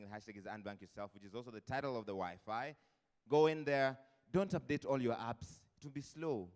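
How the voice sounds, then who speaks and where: Kenyan guy emceeing to a crowd, cracking jokes, voice ringing in a big reverby hall. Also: medium pitch. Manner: joking, chatty, mixes Swahili into English. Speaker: event host. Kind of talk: live event hosting with jokes. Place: event hall with a live audience.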